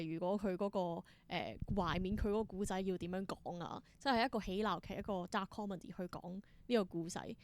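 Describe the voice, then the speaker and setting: A woman with a Hong Kong Cantonese accent, a theatre performer and creator, is an interview guest telling stories casually and acting out bits of dialogue. Her voice sits in the mid range with a darkish tone.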